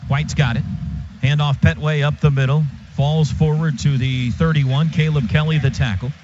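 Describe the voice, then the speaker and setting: At normal speed, an American man gives live radio play-by-play of a football game from the stadium booth, his slightly high voice a little mellow and fairly even in intonation. He tracks the action in crisp, vivid phrases on a dull, noisy live broadcast.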